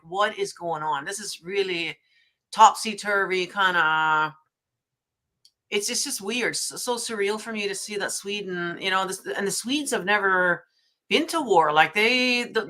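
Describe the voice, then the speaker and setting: A woman's voice: mid-range voice, pushed and bright. A woman from Norway, a guest on a talk show, chatting casually with lots of "like" and "you know". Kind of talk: casual podcast chat.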